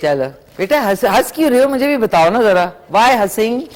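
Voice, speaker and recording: A woman's voice: on the high side, animated, normal speed. A middle-aged woman, hosting a live morning TV cooking segment and chatting to viewers and callers. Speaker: morning show host.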